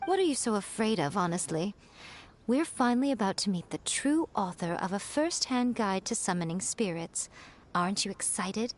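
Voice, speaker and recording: A woman voicing a sly, playful fox-spirit priestess in a game who teases with soft laughs. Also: medium pitch, lively intonation, moderate pace, close to an everyday voice. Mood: amused. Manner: teasing, amused, laughs softly. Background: game music.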